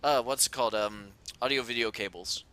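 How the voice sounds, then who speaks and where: A man's voice: mid-range voice, a little fast, bright, forceful tone, clean tone. A man hosting a let's play, chatting casually with friends. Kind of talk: casual gaming chat among friends.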